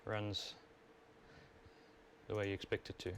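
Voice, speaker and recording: A man with a South African accent, a livestream host and overclocker, talks in a lowish voice at a measured pace. His live stream commentary is casual, informal and explanatory, picked up by a wireless worn microphone. The recording is clear, with steady background noise.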